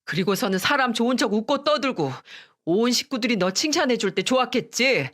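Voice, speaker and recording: Angry older brother, scolding and threatening, read by a woman narrator, pitched a bit higher than her own voice. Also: lively intonation, a little fast. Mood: furious. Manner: shouting, scolding.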